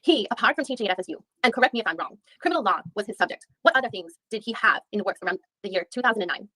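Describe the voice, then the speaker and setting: Reading the role of a female attorney in a legal reenactment, a woman questions a witness methodically and probingly, with frequent restarts. Her medium-pitched voice is expressive, pushed, and bright, racing along; the recording is rough but free of echo.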